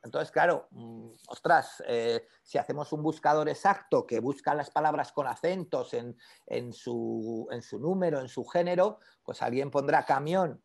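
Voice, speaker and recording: A man teaching an online class on e-commerce, conversational and animated, constantly checking in with his students. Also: mid-range voice, gravelly. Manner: conversational, peppers speech with "¿vale?"; animated, lively explanations with asides to students. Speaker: e-commerce instructor.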